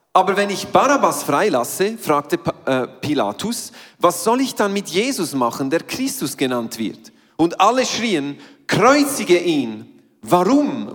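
High, lively man interpreting. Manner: quick, following the speaker phrase by phrase. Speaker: sermon interpreter. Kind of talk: live interpretation and scripture reading. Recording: reverberant church hall.

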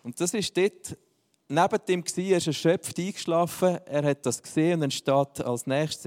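A man's voice: mid-range voice, a little mellow. Man, pastor, casual joking sermon, long church-hall reverb. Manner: casual, joking preaching style.

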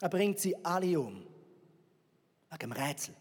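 High-voiced preacher, sarcastic. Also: male voice, normal speed, breathy edge. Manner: animated, sarcastic retelling with rhetorical questions. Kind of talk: sermon storytelling. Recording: reverberant hall.

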